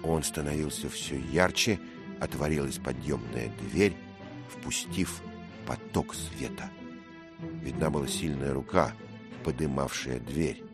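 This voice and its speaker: A man narrating a story in a measured, dramatic way. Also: rumbling low, music in the background. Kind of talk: scripted narration.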